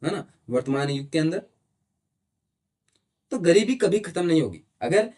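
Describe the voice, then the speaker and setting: A man's voice: a little high, animated, measured pace, warm tone. Rhetorical, questioning male teacher. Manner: explains step by step, asks rhetorical questions and often adds "है ना?". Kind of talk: classroom lecture in Hindi mixed with English terms.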